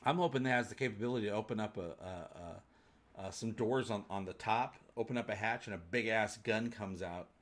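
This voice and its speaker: A man with a lowish voice hosts a fan livestream, talking a little fast as he answers viewer comments. His chat is casual, rambling, jokey and colloquial.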